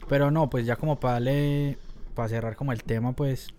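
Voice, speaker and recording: A man's voice: medium pitch, fairly even intonation, moderate pace, warm tone. A man chatting casually as a podcast co-host. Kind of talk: casual chat.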